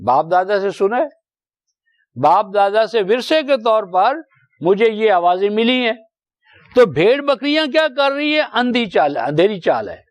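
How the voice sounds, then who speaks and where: An older man in his seventies delivers a Quran commentary lecture in a high, thin voice. He explains each word patiently, keeps asking rhetorical questions and draws out verses in slow recitation. The sound is dry and close, with no room around it. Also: big pitch swings, dry recording. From Pakistan. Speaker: Quran teacher.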